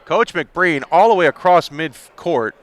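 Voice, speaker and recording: A man calling live basketball play-by-play from an arena broadcast position, chatty and quick to laugh between plays. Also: a little high, expressive. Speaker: play-by-play commentator.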